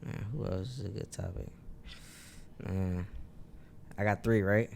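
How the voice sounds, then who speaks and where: Young male guest, casual and unhurried, faint noise behind. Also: on the low side, creaky. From Michigan. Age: 20s. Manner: relaxed, repeats himself while thinking. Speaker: guest rapper. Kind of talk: casual chat.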